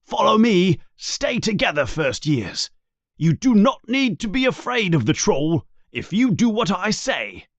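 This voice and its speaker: A man's voice: high voice, big pitch swings, a little slow, no echo, lo-fi sound, pitched above the performer's own voice, heavily acted. A man playing a bossy teenage prefect. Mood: commanding. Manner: commanding.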